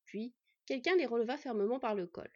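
A woman reading a fantasy story aloud in a steady storytelling manner. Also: fairly high pitch, fairly quick, breathy edge, no room sound. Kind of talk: scripted fantasy narration. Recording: dull lo-fi, dry.

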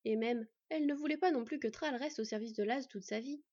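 A woman calmly narrating a storybook in a measured reading voice. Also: fairly high pitch, no room sound. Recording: dull lo-fi dry recording.

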